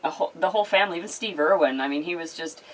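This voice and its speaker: A Canadian woman co-hosting a podcast, chatting casually at home as an animated storyteller. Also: on the low side, very fast, far from the mic. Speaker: podcast co-host. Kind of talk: casual chat. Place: home living room.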